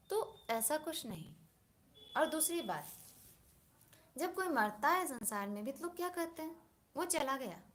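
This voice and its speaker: High-voiced woman giving a devotional talk. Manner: earnest, reasoning with rhetorical questions. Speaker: spiritual speaker. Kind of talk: devotional discourse.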